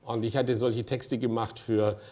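A man's voice: medium pitch, flat delivery, a little slow, mellow. A man in his sixties, an interview guest, telling long anecdotes with many hesitant fillers and chuckles. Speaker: interview guest, festival director. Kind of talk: anecdotal conversation on stage.

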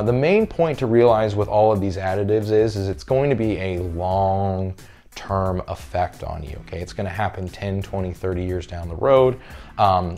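A man's voice: fairly low pitch, darkish tone. A man in his thirties, a fitness coach, explaining a topic in a casual, conversational way and checking in with "all right?". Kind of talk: casual talking-head lesson. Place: carpeted room with window blinds, indoors.

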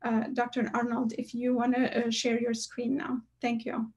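A woman's voice: fairly high pitch, completely flat delivery, moderate pace, a little mellow. A woman in her thirties moderating an online conference, formally introducing speakers from a room over a video call. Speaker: session moderator. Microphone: computer microphone on a video call.

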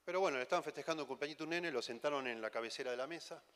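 A man with an Argentine Spanish accent preaches at a conference, conversational and teasing, firing off rhetorical questions. His voice is on the high side and a bit bright, and he races along, with long hall reverb filling the recording.

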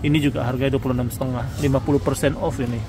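An Indonesian man vlogs a shopping trip, walking through shops and streets outdoors and casually pointing out prices to his viewers. He speaks rapid-fire in a medium-pitched, flat voice, with background noise around him.

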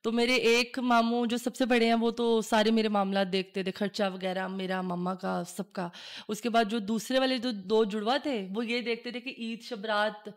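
A woman hosting a podcast who tells personal stories in a casual, animated way and acts out the dialogue. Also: fairly high pitch, moderate pace. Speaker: podcast host. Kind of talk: casual chat, personal storytelling.

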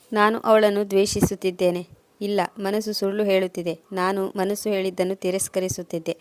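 Flat, even-voiced woman storyteller. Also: mid-range voice. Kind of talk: scripted first-person story narration.

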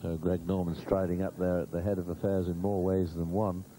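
Deep, dark-voiced male golf commentator. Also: little pitch movement, fairly quick. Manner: rambling, humorous asides. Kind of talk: live golf commentary, conversational. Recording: noisy old TV broadcast audio.

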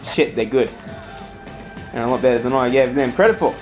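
A man's voice: mid-range voice, brisk, music in the background. Sweary man doing gameplay commentary. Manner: sweary, self-deprecating. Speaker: gaming host.

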